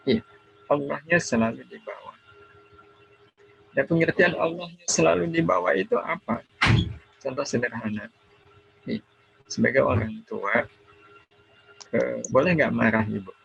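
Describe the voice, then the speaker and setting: A middle-aged preacher man with an Indonesian accent and a very gravelly, creaky voice. He asks his listeners questions and answers them himself in a conversational teaching manner. His video call audio sounds dull, with faint noise behind it. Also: mid-range voice, measured pace, pauses often, fairly bright tone. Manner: acts out a scolding parent in quoted lines. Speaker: Islamic preacher. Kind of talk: online seminar talk to mothers.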